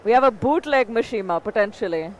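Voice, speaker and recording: A woman's voice: a little high, animated, a little mellow, muffled recording, a little hiss or hum. A woman co-commentating a live fighting-game tournament in a bubbly, playful way. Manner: bubbly, playful, quick to laugh. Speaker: esports co-commentator.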